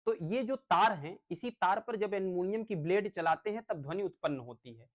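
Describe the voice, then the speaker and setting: A man's voice: sits high, expressive, fairly quick. A male teacher giving a lecture on phonics, explaining step by step with everyday examples.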